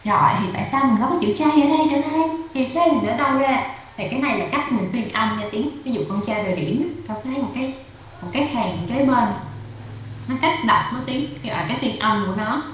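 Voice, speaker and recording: A woman with a Vietnamese accent tutors a child in English over a video call, her fairly high voice expressive and fast. She patiently repeats and explains things step by step, switching between languages with English drills, in an echoey room with faint noise.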